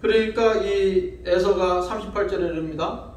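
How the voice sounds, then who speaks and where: A man's voice: high-pitched, normal speed. A male pastor preaching a conversational sermon, often asking the congregation questions and acting out quotes. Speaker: senior pastor. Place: church sanctuary. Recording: echoey church hall, distant mic.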